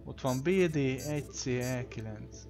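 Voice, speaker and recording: A man's voice: mid-range voice, expressive, darkish tone, faint music behind. A man casually commenting on his own game playthrough, thinking aloud, talking to viewers and swearing when he slips up. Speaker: gamer streaming a playthrough. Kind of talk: casual let's play commentary.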